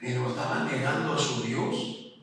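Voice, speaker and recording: A man's voice: mid-range voice, moderate pace, a bit bright, slight background noise. A man with a Mexican accent preaching a sermon in a colloquial, emphatic way, often calling the listeners "brother". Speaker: pastor. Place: church. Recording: echoey church hall from far off.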